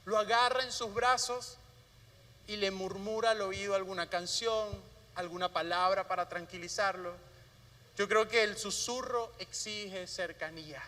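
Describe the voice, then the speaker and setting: A man preaching a sermon as pastor, often dropping to a soft hushed voice to stress a point. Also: sits high, fairly even intonation, unhurried. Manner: drops to a soft hushed voice for emphasis. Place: church sanctuary. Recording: long hall reverb.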